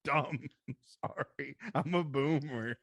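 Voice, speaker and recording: A man's voice: a little high, takes it slowly, creaky, fairly bright tone, slight background noise. A man co-hosting a casual podcast chat, rambling, swearing, and laughing often. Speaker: podcast co-host. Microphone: video call.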